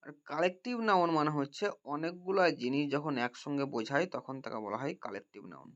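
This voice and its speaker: Man tutoring grammar with many checking questions, slightly high voice. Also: expressive, fast talker, fairly bright tone. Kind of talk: grammar lesson. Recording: dull lo-fi recording.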